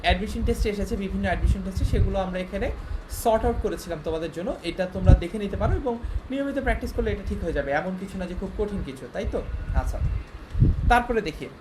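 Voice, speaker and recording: Over background noise, a young man with a high, animated voice races through an online class lecture. His explanations go step by step, and he keeps checking whether the students follow him.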